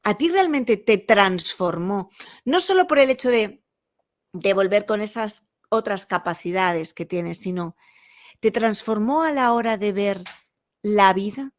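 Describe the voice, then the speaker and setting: A woman's voice: mid-range voice, lively intonation, a little slow. A woman hosting an interview, asking long questions with hesitations. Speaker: interview host. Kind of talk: conversational interview.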